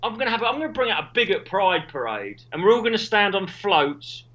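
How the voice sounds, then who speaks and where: Animated, excitable man. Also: high-pitched, fairly quick, lo-fi sound. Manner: excitable, swears freely, voice leaps up and down. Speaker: podcast co-host. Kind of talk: casual comedic chat. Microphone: remote call.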